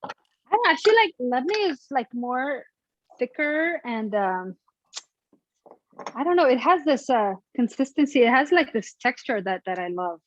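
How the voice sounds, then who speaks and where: A young woman with an Afghan accent, a guest cook, walks through making a family dish in a casual cooking demonstration, chatting hesitantly and laughing. Her high voice swings widely in pitch and moves a little slowly. The recording is dry and lo-fi.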